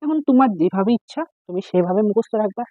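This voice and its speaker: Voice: mid-range voice, animated, fast, dry recording. A chemistry tutor gives a casual exam-prep lecture, asking questions and answering them, repeating each point. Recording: tinny phone-like dry recording.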